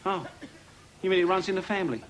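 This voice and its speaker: An actor playing a sardonic middle-aged boyfriend who talks in a dry, sarcastic way. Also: male voice, sits high, fast, natural voice. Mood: wry. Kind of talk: 1980s sitcom acting. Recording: noisy old TV recording.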